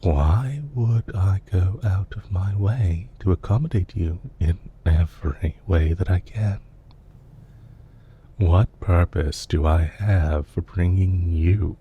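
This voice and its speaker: In this intimate audio roleplay, a man's suave villain leader speaks softly and politely to the listener, calculating beneath a measured, lightly teasing courtesy. The deep voice comes through with phone-quality sound and a little hiss or hum, and his tone is probing and assured.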